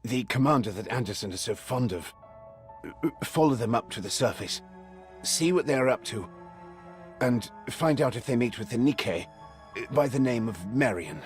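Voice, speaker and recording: A man voicing a scheming older government official in an anime game, measured and commanding. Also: medium pitch, expressive, soft background music, natural voice. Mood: cold, scheming.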